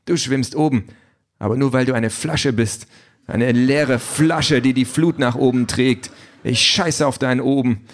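A man's voice: medium pitch, brisk, pitched above the performer's own voice, natural voice. A man voicing a bitter, defiant young mother who is walking out on her husband, with a scornful, cutting way of speaking.

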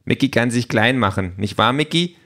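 A man's voice: mid-range voice, animated, moderate pace, a bit bright, voice pushed up, natural voice. A man putting on a smug talking tablet. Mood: lecturing. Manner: lecturing, self-assured. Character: smug know-it-all talking tablet, male.

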